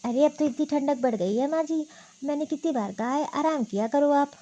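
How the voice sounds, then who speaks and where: A woman's voice: high-pitched, a little fast, dark tone, dull audio, lightly acted. A woman voicing a caring eldest daughter-in-law in a cartoon story; she speaks in a practical way and gives instructions.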